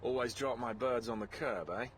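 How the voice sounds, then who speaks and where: A man's voice: mid-range voice, moderate pace, faint music behind, natural voice. A man voicing an easygoing jet pilot for hire who talks in a breezy, chatty way.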